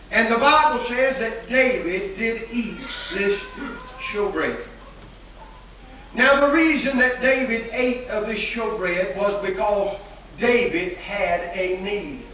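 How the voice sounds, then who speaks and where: An older pastor delivers a folksy, emphatic sermon from the pulpit of a large church, repeating phrases and filling gaps with "uh." His voice sits high and a bit bright, caught by a pulpit mic and a distant camera on hissy 1980s video that makes the hall sound echoey and far off.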